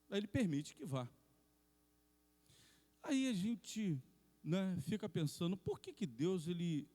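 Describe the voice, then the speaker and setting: A man preaching, telling the story in an animated way and acting out the scenes. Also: fairly high pitch. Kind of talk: sermon. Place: church hall. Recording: long reverb in a church hall.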